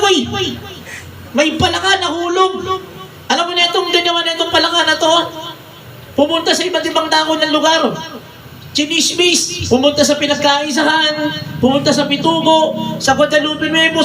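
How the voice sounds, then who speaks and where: A man with a Filipino accent preaching a lively storytelling sermon to a congregation, shouting out the voices in his stories and joking with the listeners. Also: extremely high pitch, echoey room, far from the mic. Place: church hall.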